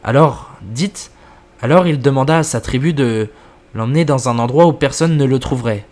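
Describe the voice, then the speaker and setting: Guy reading old lady curse expert, calm and grave, horror story reading, normal mid voice. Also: mid-range voice, moderate pace, lightly acted. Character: elderly woman scholar of old curses.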